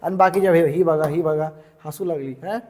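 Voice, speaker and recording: A man teaching English through a story, explaining each word slowly and repeating its meaning, chatty and checking in with his listeners. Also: fairly high pitch, fairly even intonation, dark tone, long reverb tail. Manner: chatty, checks in with "ठीक आहे".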